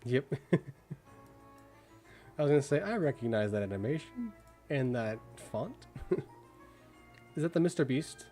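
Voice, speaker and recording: A young man with a Midwestern accent reviews viewer work during a casual live stream, rambling with plenty of fillers. His mellow, medium-pitched voice swings widely in pitch, is unhurried, and pauses often. Soft music plays in the background.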